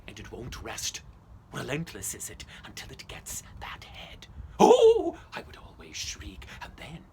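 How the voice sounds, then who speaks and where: A man's voice: medium pitch, big pitch swings, unhurried, bright, forceful tone, husky, heavily acted. An actor playing Ichabod Crane, a lean, vain, superstitious schoolmaster, telling his tale in a theatrical monologue with old-fashioned phrasing, sudden shrieks and whispers. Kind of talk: theatrical first-person storytelling monologue.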